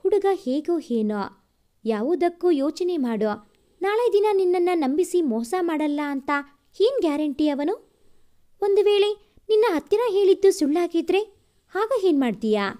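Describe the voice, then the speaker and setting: A woman's voice: very high voice, expressive, unhurried, warm tone. A woman doing a teasing, outspoken girlfriend. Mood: teasing, cautioning. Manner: teasing, lecturing.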